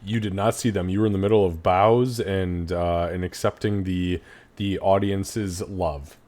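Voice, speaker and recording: A man's voice: low-pitched, fairly even intonation, unhurried, a little mellow. A man acting as game master, casually narrating and refereeing a tabletop role-playing game.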